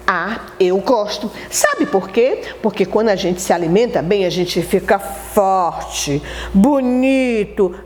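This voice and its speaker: A woman teacher with a Brazilian Portuguese accent, giving a children's TV lesson in an animated, sing-song way and talking straight to the children. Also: fairly high pitch, a little hiss or hum.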